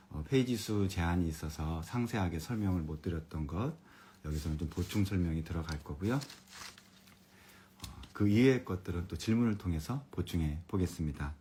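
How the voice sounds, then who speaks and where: Deep-voiced, calm Korean teacher. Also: male voice, slight background noise. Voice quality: calm, comfortable voice. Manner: friendly, chats with viewers and reads out their comments. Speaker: elementary education expert and author. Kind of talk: live-streamed lecture for parents.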